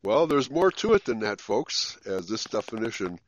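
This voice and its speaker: A man teaching a Bible study online, halting and full of fillers, heard over a bad connection that keeps breaking up. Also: on the low side, very animated, dry recording. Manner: halting, with many fillers and restarts. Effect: breaking-up bad internet connection. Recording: dull lo-fi dry call audio.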